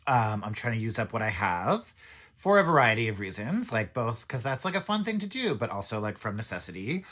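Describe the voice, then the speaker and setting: A man's voice: lowish voice, big pitch swings, brisk, a bit bright. A man vlogging casually to camera, chatty and rambling, with frequent fillers and small laughs. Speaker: knitting vlogger. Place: indoors, away from home.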